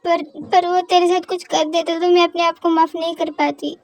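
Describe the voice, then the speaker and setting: A woman's voice: extremely high pitch, flat delivery, normal speed, no echo. A young woman voicing a worried, soothing best friend. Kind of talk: fan audio drama reading.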